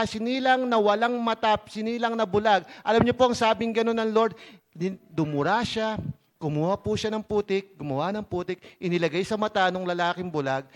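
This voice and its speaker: A male pastor with a high, light voice delivers a sermon from the pulpit. He preaches in a lively, conversational way, mixing in English phrases and often checking in with his listeners.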